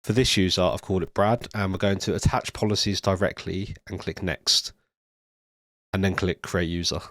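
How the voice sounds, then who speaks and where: Deep-voiced man with a stuffy nose. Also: moderate pace, no echo, studio quality. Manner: steady step-by-step explaining with occasional ums. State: ill with a nasal, stuffy voice. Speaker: tutorial presenter. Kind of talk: screen-recorded coding tutorial narration. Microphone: studio USB microphone.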